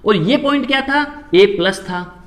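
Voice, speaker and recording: A middle-aged man teaching a maths lecture, lively, repeating phrases and acting out his students' questions. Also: high-pitched, unhurried.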